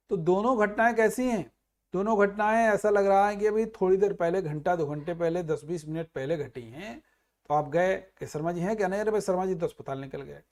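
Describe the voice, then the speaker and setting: A male teacher running an exam prep grammar lesson, explaining each answer with everyday examples and dropping low and quiet on the answers. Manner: explains with everyday examples, calls students "bhai".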